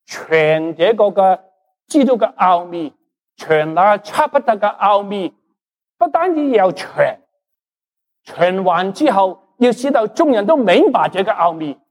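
A male pastor, a Cantonese speaker with a voice pitched slightly high. He preaches in an animated style, quizzing his listeners, answering his own questions and dropping English words into the sermon. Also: measured pace. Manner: animated, asks the congregation questions and answers them.

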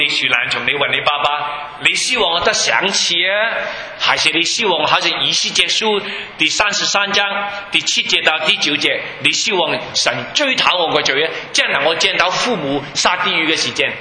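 Bright-voiced preacher man in echoey hall. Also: a little high. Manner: emphatic, keeps asking the audience questions. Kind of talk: sermon with Bible teaching. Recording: echoey hall with faint background noise.

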